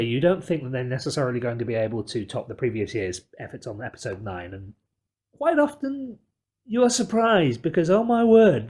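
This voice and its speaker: A podcast host chats casually, wordy, emphatic and effusive in his delivery. His voice is mid-range with a darkish tone.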